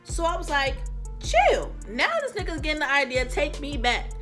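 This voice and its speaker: A young adult woman from California recounts a story straight to camera in a lively, slangy way, voicing each person she quotes. Her voice sits high and has a crisp, bright edge. Faint music plays quietly behind her. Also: brisk. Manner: animated, slangy, acts out quoted dialogue. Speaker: vlogger. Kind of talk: storytime vlog retelling.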